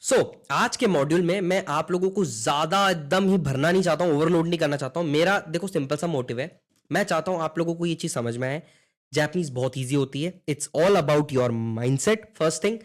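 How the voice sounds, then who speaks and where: A young man with a high voice teaches an online beginner language lesson. He encourages his students in a motivational way, calls them brother and guys, and mixes in English phrases. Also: normal speed.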